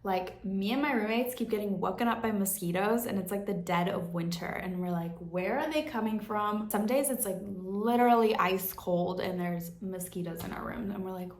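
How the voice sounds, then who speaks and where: A woman's voice: mid-range voice, moderate pace, few pauses. A young American woman telling her channel what surprised her abroad, chatting casually and filling her talk with "like". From United States. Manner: chatty, lots of "like" fillers. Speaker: vlogger. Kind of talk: casual vlog chat. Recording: echoey room.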